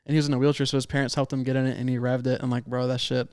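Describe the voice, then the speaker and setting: Fast-talking young man, slangy storytelling. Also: medium pitch, level tone, a little mellow, clear, resonant tone, no room sound, clean studio sound. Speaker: podcast co-host. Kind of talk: casual podcast chat.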